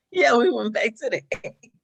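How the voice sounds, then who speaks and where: Gravelly-voiced woman joking around. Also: a little high, lively intonation, moderate pace, a crowd in the background. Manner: laid-back, joking. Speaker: co-host. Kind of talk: casual live-stream chat.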